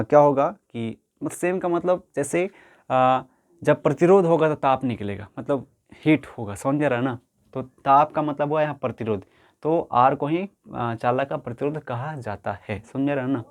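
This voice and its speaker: A man explaining a school physics lesson in a homely, colloquial way, using everyday examples. He restates each point and keeps pausing to ask whether the students are following. His pitch sits right in the middle for a man. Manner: repetitive, checks understanding often. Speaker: teacher.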